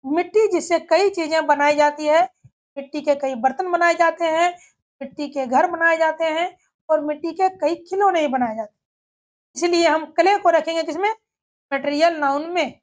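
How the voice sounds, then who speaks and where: Very high-pitched woman teaching grammar. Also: normal speed. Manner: steady, methodical explaining with rhetorical questions. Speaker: English teacher. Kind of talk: scripted grammar lesson.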